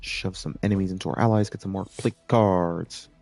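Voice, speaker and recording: Laid-back male gamer, low and gravelly, dark tone, casual rambling commentary over faint game music. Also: moderate pace. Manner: relaxed, rambling, with filler words. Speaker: gameplay commentator.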